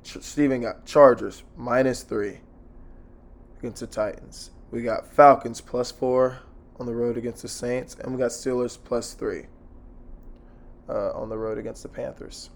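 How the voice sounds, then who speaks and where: A hoarse man hosting a casual sports betting podcast by himself, talking in a blunt, slangy, sweary way. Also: mid-range voice, fairly even intonation, a little slow.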